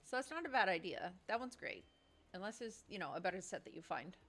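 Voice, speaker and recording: A woman chatting excitedly on a casual livestream, thinking aloud in slangy, chatty bursts. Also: mid-range voice, fast talker.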